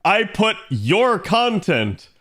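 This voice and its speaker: A man's voice: high voice, very animated, extremely slow, a bit bright. A man hosting a live stream, talking through a game analysis in a casual, chatty way and speaking straight to his viewers.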